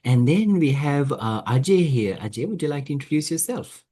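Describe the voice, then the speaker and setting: A man's voice: on the high side, animated, moderate pace, dark tone. Hesitant male webinar host. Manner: hesitant, with many fillers and restarts. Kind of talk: hosting an online group session. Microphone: video call.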